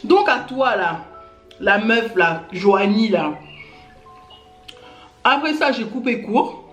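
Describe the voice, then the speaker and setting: A man's voice: high voice, expressive, slow, a bit bright. A male vlogger venting to camera, indignantly addressing a critic directly. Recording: roomy echo with faint music.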